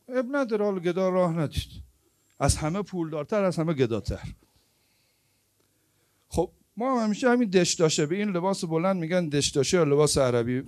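A man with a high voice preaches to an evening gathering. He tells stories with sharp emphasis, then drops to hushed asides. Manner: emphatic, swings between loud stresses and hushed asides. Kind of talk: storytelling sermon.

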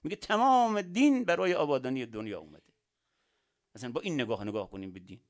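A man preaching a sermon who asks rhetorical questions and swings between quiet and loud emphasis. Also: mid-range voice, animated. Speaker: religious speaker. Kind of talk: sermon to an audience.

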